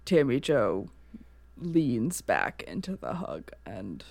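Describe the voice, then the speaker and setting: A woman with a low, gravelly voice narrates her character's actions at a very slow pace. Her pitch moves a lot as she searches for words, and the sound is dry. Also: sing-song, a little mellow, no echo. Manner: slow, halting, with restarts. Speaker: player. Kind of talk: narrating a tabletop game.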